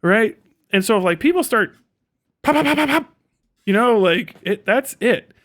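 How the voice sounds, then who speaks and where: At normal speed and with a high-pitched voice, a man delivers a casual, unscripted livestream monologue. He stays blunt, slangy and profane, animatedly playing out imagined lines of dialogue.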